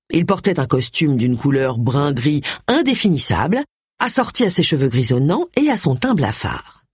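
Expressive audiobook narrator, husky voice. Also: medium pitch, no echo, clean studio sound. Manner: expressive, varied. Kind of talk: scripted narration.

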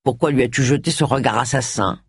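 A woman voicing a middle-aged gentleman with a dry, teasing manner, in a low, soft, murmured voice. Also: a little fast, husky, no echo. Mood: protesting.

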